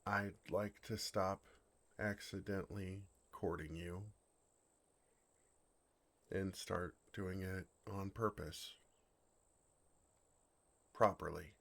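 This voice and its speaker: A man plays a bashful, earnest dragon talking tenderly of love in an intimate fantasy ASMR roleplay, his lowish voice creaky and gravelly yet a bit bright. The voice is exaggerated, with fairly even intonation, a slow pace, and long, awkwardly hesitant pauses.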